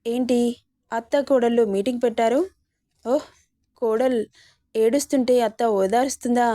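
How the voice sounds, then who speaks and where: A woman's voice: fairly high pitch, steady tone, moderate pace, mellow, natural voice. A woman voicing an arrogant, cruel young husband who taunts and threatens his wife. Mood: sarcastic.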